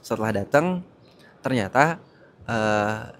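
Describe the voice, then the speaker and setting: A man's voice: lowish voice, lively intonation, takes it slowly, slight background noise. Guy casually telling a religious story, lots of uh's, out somewhere getting crowded. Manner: chatty, hesitant with many fillers. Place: public place getting crowded.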